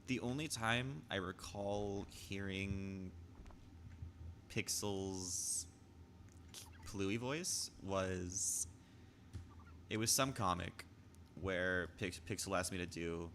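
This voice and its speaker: Young male streamer, casual rambling chat, stammers a lot, lowish but bright voice. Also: slight background noise. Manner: rambling, stammers and restarts, reads chat aloud.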